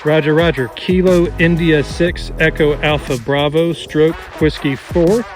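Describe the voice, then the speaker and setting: A man making ham radio calls outdoors on a mountain summit, reading call signs in the phonetic alphabet and giving signal reports in a steady, clipped way. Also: on the high side, unhurried, faint music behind.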